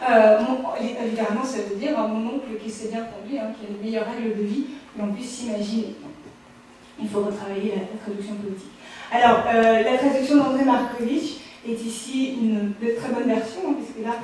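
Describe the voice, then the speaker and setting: A woman's voice: fairly high pitch, steady tone, brisk, darkish tone, slight background noise. A woman giving a public lecture on literature, explaining step by step with frequent hesitations and self-corrections. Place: media library talk room, live audience. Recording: very echoey room, mic far off, faint ambience.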